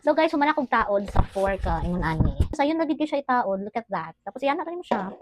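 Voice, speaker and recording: Chatty Cebuano-accented woman, slightly high. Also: expressive, brisk, noisy background. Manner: chatty, upbeat, mixes English with local speech. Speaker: vlogger. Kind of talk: casual unboxing vlog.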